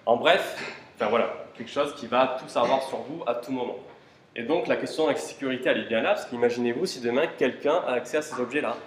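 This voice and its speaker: Giving an informal tech conference talk in a conference room, a male speaker with a medium-pitched voice asks the audience rhetorical questions and slips in casual fillers. The recording has a little hiss or hum. It sounds like a roomy hall with faint ambience.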